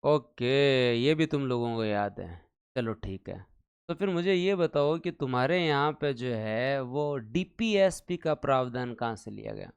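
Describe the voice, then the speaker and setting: A man's voice: medium pitch, expressive, unhurried, vocal fry, smooth. A male teacher giving a live online exam-prep lecture, quizzing his viewers with repeated questions and chanting numbers to drill them. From India.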